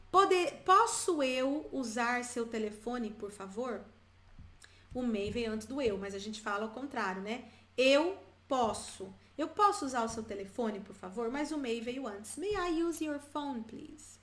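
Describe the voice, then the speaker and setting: Brazilian lady english teacher, high voice, kinda echoey room, chatty and spells things out slow. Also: expressive, a bit bright. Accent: Brazilian Portuguese. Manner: chatty, repeats words slowly for learners. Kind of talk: bilingual English lesson, addressing viewers.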